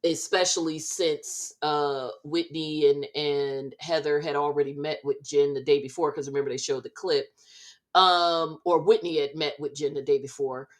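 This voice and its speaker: A woman co-hosting a podcast, recapping reality TV in unhurried, measured casual chat with frequent fillers. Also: low voice, fairly even intonation. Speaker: podcast co-host.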